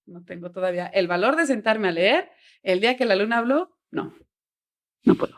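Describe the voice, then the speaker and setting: A woman guest on a podcast, telling her story in a casual, animated way and acting out bits of dialogue. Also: mid-range voice, moderate pace. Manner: animated storyteller, quotes dialogue, frequent "o sea", laughs often. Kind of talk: casual interview chat.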